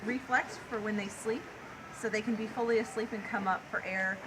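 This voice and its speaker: A woman's voice: mid-range voice, fairly even intonation, a little fast. A woman zookeeper, casual and enthusiastic, giving an informal educational talk to visitors in an outdoor yard. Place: outdoor animal enclosure yard. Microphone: camera a few steps away. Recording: noisy outdoor handheld recording.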